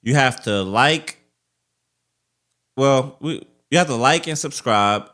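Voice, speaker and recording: A man's voice: mid-range voice, expressive, slow pace, fairly bright tone. A man co-hosting a podcast, chatting casually in a slangy way. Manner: slangy, often tags lines with man, dog or bro. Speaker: podcast co-host. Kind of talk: casual chat.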